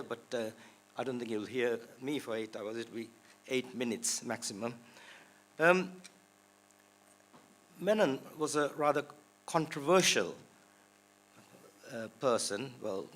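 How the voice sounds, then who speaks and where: A man's voice: mid-range voice, fairly bright tone. A man in his sixties from Sri Lanka speaks at a panel discussion. His voice sits in the middle range, and he talks earnestly, pushing hard on key words. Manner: earnest, rising to emphatic stresses. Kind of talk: public talk at a panel. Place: lecture hall.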